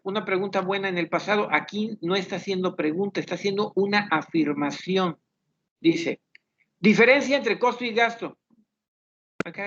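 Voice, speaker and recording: A man teaches an online class, working through student questions one by one. His voice sits high and carries a gravelly edge. He thinks aloud in a measured, explanatory way, and the audio sounds dull and lo-fi. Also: fairly bright tone.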